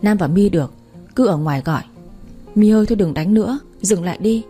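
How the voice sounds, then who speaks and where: A woman narrating a story aloud at a measured pace and speaking to her listeners as the channel's narrator. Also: lowish voice, warm tone, husky.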